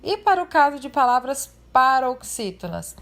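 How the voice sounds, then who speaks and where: A woman's voice: high-pitched, very animated, normal speed, a bit bright. A woman teacher, giving a remote class lesson in a friendly way and explaining step by step.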